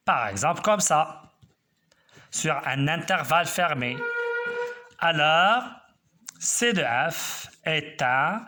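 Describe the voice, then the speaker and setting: A man teaching a math lesson, explaining slowly step by step and checking that students follow. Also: a little high, bright, forceful tone.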